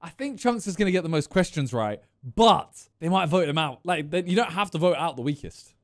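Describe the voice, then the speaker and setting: A young man streaming from a neon-lit gaming room, reacting to a quiz video with casual, chatty commentary, laughing often and exclaiming loudly. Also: a little high, animated, a little fast. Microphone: studio mic on boom arm with headphones.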